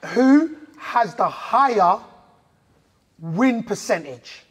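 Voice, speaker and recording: A man in his thirties with a London accent, hosting a quiz with lively, slangy banter. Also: high-pitched, very slow, slightly rough. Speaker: quiz host. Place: industrial indoor studio with metal walls, seated apart from contestants.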